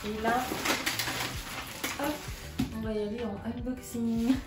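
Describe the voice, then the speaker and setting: A woman's voice: a little high, fairly even intonation, slow pace. A young woman casually chatting in a vlog, showing purchases and unboxing a bag, hesitant and full of fillers. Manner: chatty and hesitant, with many fillers and little interjections. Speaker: vlogger. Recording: roomy sound with music behind.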